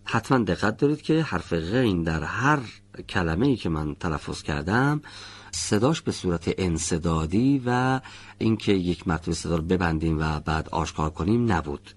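A man teaching pronunciation in a studio lesson, patiently demonstrating each sound slowly and repeatedly. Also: sits low, lively intonation, husky. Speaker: Quran recitation teacher. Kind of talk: classroom lesson on letter pronunciation.

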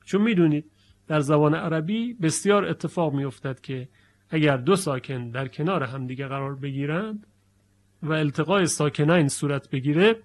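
A man teaching the rules of Quran recitation, explaining patiently and slowly reciting example phrases to show their pronunciation. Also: a little high. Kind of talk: spoken lesson.

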